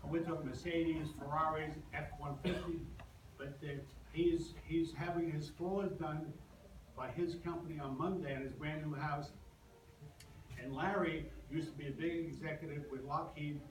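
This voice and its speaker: In a large, echoey hall with an audience, an older man from Brooklyn, New York hosts a casual presentation for customers as the business owner, rambling and joking with halts and restarts. He has a steady, slightly high voice, and the far-off mic yields a noisy recording.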